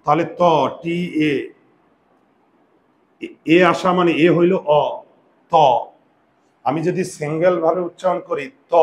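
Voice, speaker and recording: A man teaching a grammar lesson slowly and patiently, repeating words and asking his students questions. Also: on the high side, slight background noise, rough recording.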